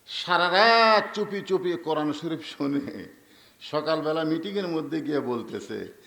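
A man's voice: a little high, lively intonation, measured pace, creaky, sharp tone. A man with a Bangladeshi Bengali accent preaching a waz sermon, telling stories and asking the crowd to answer back. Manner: storytelling, asks the crowd for responses. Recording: echoey hall with long reverb.

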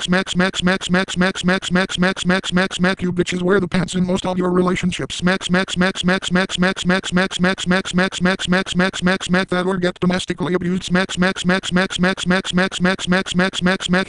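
A man's voice: high-pitched, a bit bright, smooth, no echo, poor audio. A man voicing a crude, unhinged middle-aged cartoon dad in a comedic parody monologue. He rambles and keeps repeating silly sound effects.

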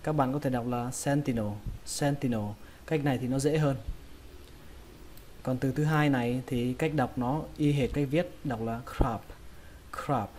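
A man teaching English pronunciation in a casual lesson, repeating each word slowly and carefully. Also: mid-range voice, steady tone, a little mellow, a little hiss or hum. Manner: slow, drawn-out repetition of words.

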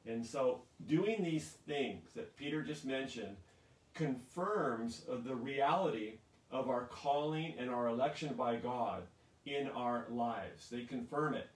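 A man's voice: mid-range voice, takes it slowly. A male pastor giving a casual, rambling livestream sermon and prayer, with many fillers. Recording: echoey room, distant from mic.

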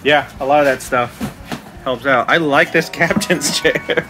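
A man's voice: mid-range voice, pushed and bright, faint music behind. A man chatting casually from behind the camera at a storage unit, agreeing readily with his companion. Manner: agreeable, quick affirmations. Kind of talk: casual chat. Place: outdoors at a metal storage unit.

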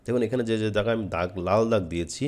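His voice is lowish and a little mellow. The man, from Bangladesh, teaches Quran recitation gradually, drawing out each phrase in long chants and then giving a plain explanation of it.

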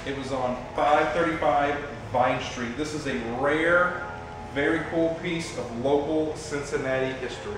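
A man's voice: a little high, unhurried, music in the background. A young man hosting an auction preview, walking through a warehouse showroom and presenting items one by one in an upbeat way. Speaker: auction host. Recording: echoey warehouse room, faint ambience.

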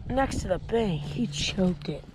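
A young man talks excitedly to his viewers while fishing at a pond, his voice picked up by a head-mounted action camera. The outdoor audio is noisy, with clear background sound under his words. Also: high voice, measured pace. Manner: excited, addresses viewers as guys. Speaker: fishing vlogger. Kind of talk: casual outdoor fishing vlog. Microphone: head-mounted action camera, later a phone.

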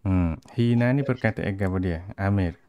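A man's voice: low voice, moderate pace, mellow, clear, resonant tone, no echo, lo-fi sound. A man with a Kelantanese Malay accent, teaching grammar in an informal, interactive tutoring style. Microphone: headset.

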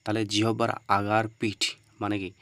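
A man teaching Arabic letter pronunciation step by step. He often asks and answers his own questions and repeats the letter sounds loudly. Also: fairly low pitch, monotone, a little fast, clear, resonant tone.

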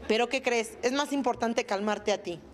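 A woman's voice: on the high side, moderate pace. A woman with a Mexican Spanish accent giving a testimony talk to a recovery group, crude and joking and full of slang. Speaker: speaker sharing at a recovery meeting.

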